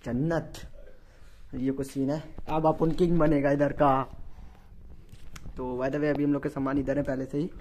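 A young man with a fairly high, flat voice chats casually with viewers as a travel vlogger, throwing in slang. He speaks at a measured pace with frequent pauses and a warm tone, filming on a phone held at arm's length.

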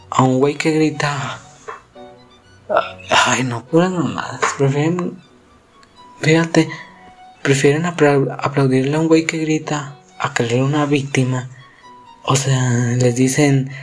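A teenage boy with a Mexican Spanish accent ranting casually, rambling and profane, as a YouTuber talking over gameplay. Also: on the high side. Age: teens.

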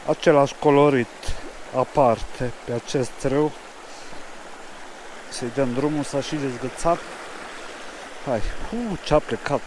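Man fishing by a loud stream. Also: medium pitch, fairly even intonation. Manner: mumbles quietly to himself while fishing, then speaks up loudly to the camera. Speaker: fishing vlogger. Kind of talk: casual outdoor fishing commentary. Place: outdoors by a mountain stream. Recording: rushing stream noise behind.

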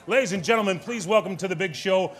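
A middle-aged man presenting a variety show from the stage in a booming, emphatic announcing manner. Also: fast, a bit bright. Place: theater stage at a desk, before an audience. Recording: live stage, faint audience and room noise.

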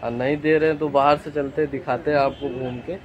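Out by a highway and fields, a young man vlogs while walking, phone at arm's length, talking straight to his audience in a chatty way. His medium-pitched voice barely moves in pitch, and he talks quickly. The audio is dull, lo-fi phone quality with faint outdoor noise.

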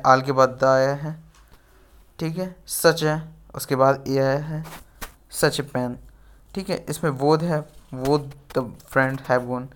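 Male teacher with an Indian accent, unhurried lecture delivery, reads example sentences word by word. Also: on the high side, a bit bright. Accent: Indian English. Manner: explains in Hindi, reads English examples slowly and deliberately. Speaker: English grammar teacher. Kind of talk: classroom lecture.

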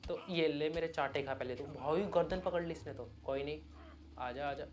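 A man giving loud, excited Hindi gameplay commentary as a gaming YouTuber. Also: fairly high pitch, normal speed, faint music behind. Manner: loud, hyped, yelling at the game.

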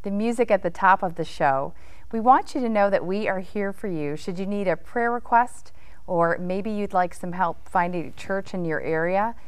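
Woman host, smooth clear voice, welcoming and conversational. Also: medium pitch, normal speed. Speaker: TV show host.

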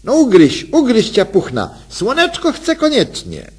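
A man voicing a giddy, coquettish middle-aged wife in a squealing falsetto. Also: huge pitch swings, unhurried, breathy edge, exaggerated voice. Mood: cooing. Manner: squealing, cooing, high falsetto.

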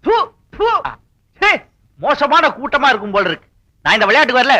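A teasing forest officer. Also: male voice, very high voice, sing-song, fairly quick, sharp tone, full character voice. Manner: teasing, playful banter. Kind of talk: 1980s film dialogue.

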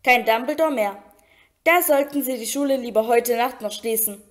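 A worried young schoolboy, as a woman reads him in an audiobook, his voice hoarse and urgent. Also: a little high, normal speed, natural voice.

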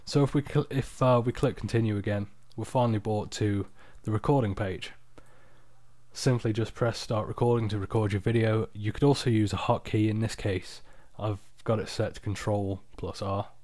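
Low-voiced man narrating a screen recording. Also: fairly even intonation, moderate pace, darkish tone, dry recording. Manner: informal, unpolished, off-the-cuff explaining. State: tired. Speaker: software tutorial presenter. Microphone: external microphone, close and dry.

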